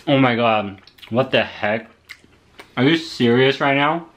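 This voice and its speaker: A woman's voice: very deep voice, measured pace. A woman vlogger talking while chewing during a food tasting, gushing and exclamatory. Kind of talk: casual on-camera tasting.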